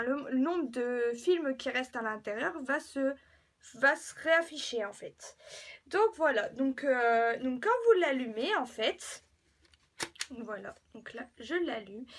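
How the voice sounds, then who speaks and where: A young woman with a high voice shows off a gadget in a chatty home vlog. She talks in a hesitant way, full of fillers and restarts. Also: fairly bright tone. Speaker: beauty vlogger. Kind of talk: casual product demo.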